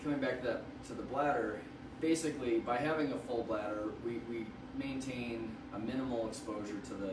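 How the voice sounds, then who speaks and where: A radiation oncologist, his mid-range voice slightly hoarse from wildfire smoke, explains treatment to patients in a measured way, frequently restarting phrases. The recording is roomy, distant and noisy.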